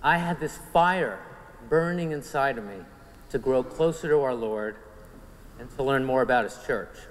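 Speaking at a moderate pace in an expressive, mid-range voice, a forties-aged man with a Long Island accent tells his faith story sincerely to a men's conference. The large church sanctuary adds hall reverb and a faint background of room noise.

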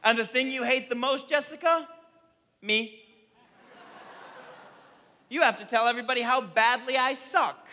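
A man's voice: very high-pitched, unhurried, pauses often, bright, forceful tone. A man in his thirties working as a comedy stage hypnotist, projecting commandingly to an audience in a theatre. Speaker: stage hypnotist and show host. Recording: echoey theatre hall with audience noise.

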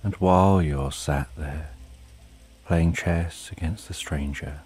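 A man narrating a bedtime sleep story in a calm, soothing, unhurried way with long pauses, as a sleep story narrator. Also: a bass voice, husky. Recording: soft rain behind the voice. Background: rain.

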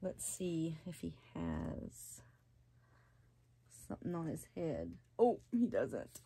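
An older woman chatting slowly and fondly in her small hobby room at home, gushing as she opens a doll box. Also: low voice, huge pitch swings, husky. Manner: chatty, softly gushing, slow and unhurried. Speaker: reborn doll collector. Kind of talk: casual unboxing chat.

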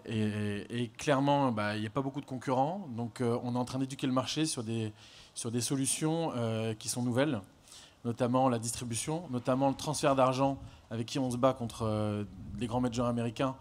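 Founder dude on stage, lots of uh's, mid voice. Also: male voice, mid-range voice, steady tone, fairly quick. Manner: hesitant, many fillers. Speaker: startup founder and CEO. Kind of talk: conference panel talk.

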